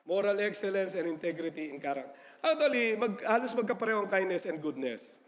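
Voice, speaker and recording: A man with a notably high voice preaches to his congregation, joking with them and checking in with a quick "amen?". His delivery is chatty and loose, and he slips into English when defining words. The sermon rings out with a long church-hall reverb. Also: very animated. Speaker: pastor. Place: church sanctuary.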